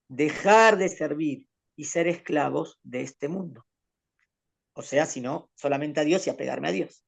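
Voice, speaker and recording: Patiently explaining and posing questions as he goes, a rabbi leads a student through a Torah lesson. His voice runs high and gravelly.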